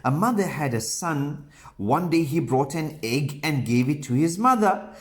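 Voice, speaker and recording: A man telling a moral story to children, slow and animated with frequent ums and pious phrases. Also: fairly high pitch.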